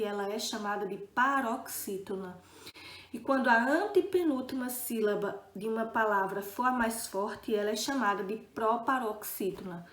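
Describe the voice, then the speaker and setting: High-voiced teacher in a roomy space. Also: female voice. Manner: patient, checks in often with students. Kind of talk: recorded video lesson.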